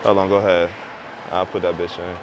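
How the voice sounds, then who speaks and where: A man's voice: low-pitched, level tone, fairly quick, noisy background. A man in his twenties, a vlogger who chats up strangers in a brash, slangy, joking way. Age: 20s. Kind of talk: street prank vlog, casual chat. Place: indoor mall and outdoor basketball court.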